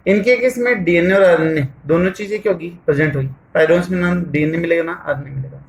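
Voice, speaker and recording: A man's voice: a little high, poor audio. A man teaching a lesson, asking questions and answering them himself while he writes on the board. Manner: asks questions and answers them himself, repeats "theek hai"; writes on the board while talking, slow with pauses. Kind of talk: board lesson in Hindi mixed with English terms.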